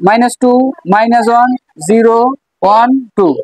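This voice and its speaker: A woman with a Bangladeshi Bengali accent teaches a class, prompting students with questions and echoing their answers. Her voice sits a little high. The sound is dry and close. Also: little pitch movement, moderate pace, a little mellow. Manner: coaxing, asks questions and repeats answers. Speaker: math teacher.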